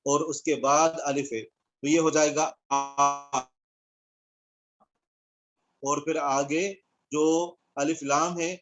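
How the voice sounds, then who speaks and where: A man teaching an online Arabic grammar class, explaining step by step and checking in with his students. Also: a little high.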